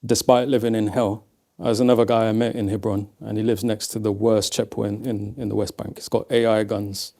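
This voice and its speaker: Male guest, Leicester English accent, low gravelly mellow voice, reflective storyteller. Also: little pitch movement, a little fast, few pauses. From England. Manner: reflective, storytelling, says "man" often. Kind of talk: casual conversation.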